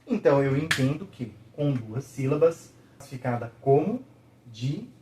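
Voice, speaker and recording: A man teaching a video lesson, patiently checking in with the viewer and slowly sounding out each syllable. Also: mid-range voice, lively intonation, a little mellow, slight background noise.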